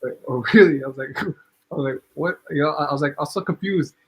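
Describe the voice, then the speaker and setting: Quick and a bit bright, this slightly high male voice has a breathy edge and comes through a low-quality recording. He's a podcast co-host from Ghana telling a casual, chatty story, forever checking on the listener with "you know what I'm saying".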